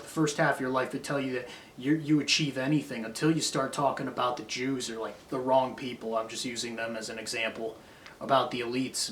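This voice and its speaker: A man's voice: mid-range voice, fairly bright tone, slight background noise. A man delivering a rambling, profane, self-critical monologue, drifting between grudges and philosophy. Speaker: vlogger. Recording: roomy echo.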